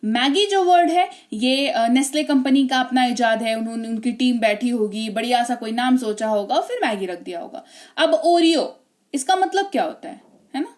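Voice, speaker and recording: Indian lady teacher going over spelling rules, high voice, keeps asking "right?". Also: lively intonation, normal speed, darkish tone. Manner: chatty teacher, checks in often with tag questions. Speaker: English teacher. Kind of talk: spelling lesson explaining rules.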